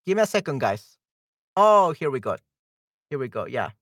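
Very animated but moderately paced, this high-leaning male voice sounds a bit bright as the livestream host tinkers with his audio, chatting loosely and hesitating while he thinks it through. He's mic-close with no echo.

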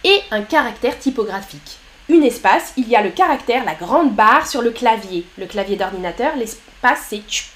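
A woman's voice: on the high side, animated, moderate pace, fairly bright tone. A woman teaching her language on a live stream, cheerfully reading out viewers' chat messages and correcting their punctuation.

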